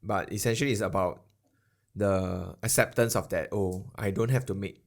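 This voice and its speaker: A man in his 30s co-hosts a podcast, drifting through a rambling, reflective casual chat and ending phrases with "lah." His voice sits low and is creaky, with a steady tone at normal speed.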